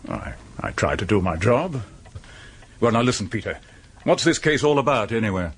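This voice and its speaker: An actor playing a dry, steady police chief inspector in a radio drama, with an English accent and a measured, sceptical manner. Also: male voice, on the low side, husky, exaggerated voice. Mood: wryly amused. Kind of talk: BBC radio drama acting.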